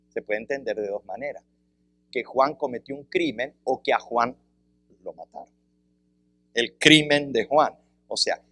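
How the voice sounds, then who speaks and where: A man leads a Bible seminar at a slow, measured pace, repeating each key phrase so the point lands. His voice sits at an ordinary pitch and sounds dry and close, with almost no room around it. He keeps turning to his listeners with questions. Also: fairly bright tone, no room sound. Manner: asks the audience questions and explains with examples; deliberate, repeats phrases for emphasis. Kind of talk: Bible study lecture.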